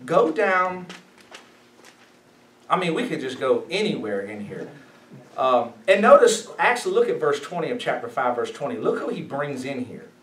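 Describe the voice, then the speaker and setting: A man preaching as a pastor, emphatic and animated, asking his listeners questions as he teaches. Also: a little high, moderate pace, a little hiss or hum. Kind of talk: sermon, Bible study teaching. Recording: echoey room, mic at a distance.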